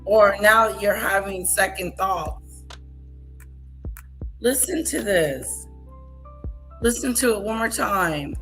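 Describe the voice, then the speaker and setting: Reacting to played clips, a female commentary host speaks slowly in a medium, slightly bright voice, leaving long pauses. She's blunt, says things more than once, and mimics others. The low-quality recording has faint music behind it.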